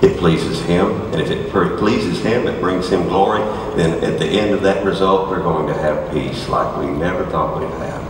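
Pacing and gesturing across a big dark auditorium stage, an older preacher speaks at a moderate pace with few pauses. His sermon swings between hushed lows and shouted highs, caught from a distance in an echoey hall with background noise.

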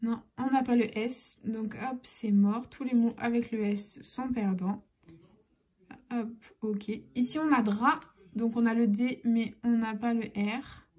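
A woman narrating her scratch-card session in a chatty vlog style, spelling out letters and sometimes dropping into soft half-whispers. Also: a little high, fairly even intonation, a little slow, slightly rough. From France. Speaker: YouTuber scratching lottery tickets.

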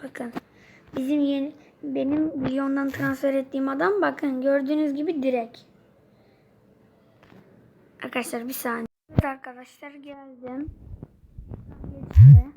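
Young woman with a Turkish accent, high voice, gaming commentary for her viewers, chatty and quick to get frustrated, noisy home recording. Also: steady tone, a little mellow. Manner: chatty, easily frustrated, addresses viewers constantly. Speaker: gaming channel host. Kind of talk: mobile game commentary.

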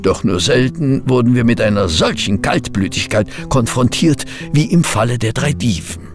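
An actor playing Dr. Watson, a fussy, loyal gentleman companion and narrator, in a formal, old-fashioned German audio drama. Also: medium pitch. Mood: measured storytelling.

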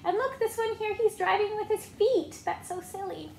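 Reading a picture book to children in a living room, a woman in her twenties uses an extremely high, creaky voice at normal speed. As a storyteller, she encourages the kids and asks them questions with exaggerated expression. The home recording sounds roomy and carries some noise.

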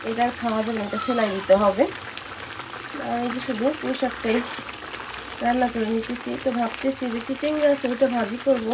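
Cooking in her home kitchen by an open window, a young woman from Bangladesh chats with her vlog viewers and explains what she's making. Her hoarse voice is a little high, steady, and slightly fast, competing with loud sizzling and frying.

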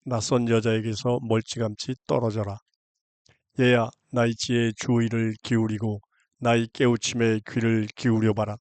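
Calm, flat-voiced man reading scripture. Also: medium pitch, dry recording. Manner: calm, even, unhurried reading in a casual speech register. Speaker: Bible reader.

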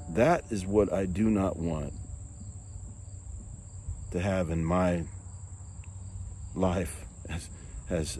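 A man's voice: low-pitched, dark tone, a little hiss or hum. A man giving an earnest, reflective sermon-style talk as preacher and songwriter, often repeating words as he goes. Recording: music bed playing behind the voice.

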